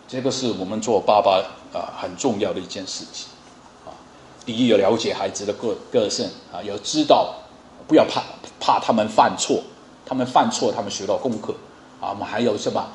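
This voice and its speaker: A man's voice: lowish voice, fairly quick, reverberant, slight background noise. A man preaching a sermon in a conversational way, with fillers and frequent rhetorical questions. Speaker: pastor.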